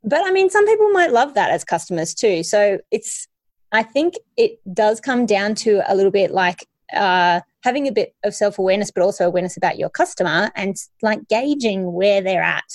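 Female co-host, Australian accent, mid-pitched, dry close recording, casual anecdotal chat. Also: expressive, a little fast, no room sound. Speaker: podcast co-host.

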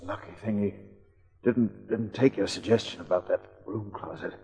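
A man's voice: lowish voice, fairly even intonation, moderate pace, vocal fry, darkish tone, in a large hall. An actor playing a wounded man on the run who pleads for help, stammering and weak from his injuries. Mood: nervous. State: weak and hurt. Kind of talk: 1940s radio acting.

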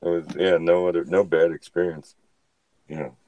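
A man with a very deep voice tells hiking stories as a podcast guest. He rambles easily, padding his sentences with fillers. The sound is dry and close. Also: level tone, moderate pace, warm tone, no echo, highs cut off. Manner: rambling storyteller, many "you know" fillers. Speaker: podcast guest, thru-hiker. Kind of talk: casual chat.

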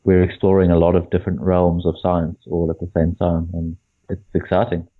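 Deep-voiced man on a tinny line. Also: monotone, brisk, husky. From South Africa. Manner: chatty, repeats words as he starts sentences. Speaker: podcast co-host. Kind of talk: casual chat.

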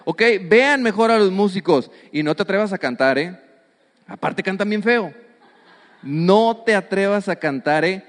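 A man's voice: high voice, animated, a little slow, long reverb tail. A pastor preaching a playful, ironic sermon in reverse psychology to his congregation in a church.

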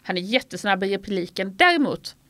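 A middle-aged woman guest speaks bluntly and with energy, with a gravelly edge to her voice. She is a sports journalist telling stories from her work. Her recording is close and dry. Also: mid-range voice, no room sound. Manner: forthright and animated, tells anecdotes. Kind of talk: interview conversation.

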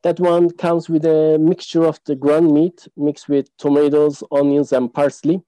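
A man, a tour guide, explaining local food in a casual podcast interview, pausing often with "uh". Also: a little high, little pitch movement, mellow, no room sound, rough recording. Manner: explanatory, many "uh" fillers.

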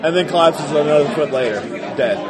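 A loud crowd surrounds a man with a high-pitched voice. He works as game master, narrating a tabletop game in a halting, improvised way. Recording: loud crowded convention hall chatter.

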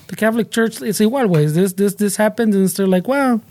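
Mellow Mexican American man switching into Spanish slang. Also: high-pitched, fast, no room sound. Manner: code-switches between English and Spanish slang, profane, repeats words. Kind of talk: casual podcast chat.

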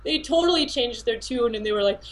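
A woman's voice: on the high side, lively intonation, brisk, low-quality recording. A woman in her thirties, a dancer and dance teacher born in India, answering interview questions in a chatty way with many fillers and restarts. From born in India, raised between India and America.

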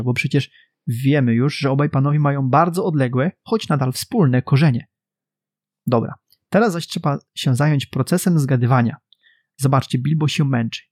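A man co-hosting a book discussion podcast, talking in a measured, explanatory way. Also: mid-range voice, darkish tone, dry recording, clean studio sound. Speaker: podcast co-host.

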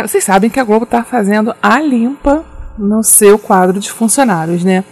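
A woman's voice: medium pitch, creaky, darkish tone. A Brazilian woman hosting in a casual, chatty way, informally commenting and often checking that the listener agrees. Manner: chatty, informal, seeks agreement with tag questions. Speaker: show host.

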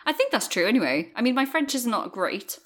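A woman, co-hosting and chatting casually, animated and full of fillers. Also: fairly high pitch, brisk. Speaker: podcast co-host. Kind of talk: casual chat recapping a TV episode.

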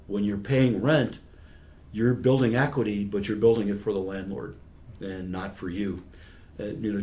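Appearing as an expert interview guest, a man in his sixties talks in a mellow, lowish voice. His explanations are patient and conversational, drawing on everyday examples.

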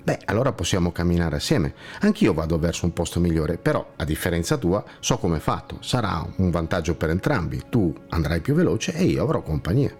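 A man voicing a gentle, kindly blind monk with a slightly ironic touch, who guides a companion with calm reassurance in a storybook tale. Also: low voice, brisk, hardly any pauses, faint music behind.

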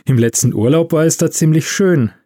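A man's voice: a little high, moderate pace, warm tone, pitched above the performer's own voice, natural voice. A man voicing a laid-back young male elf artist with an easygoing, wry way of talking. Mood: relaxed.

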